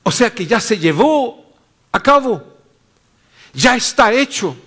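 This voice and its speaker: Man pastor preaching real slow, high voice, trails off low and quiet at the ends. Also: very animated. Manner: slow, deliberate preaching, dropping low and soft at phrase ends. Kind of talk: sermon.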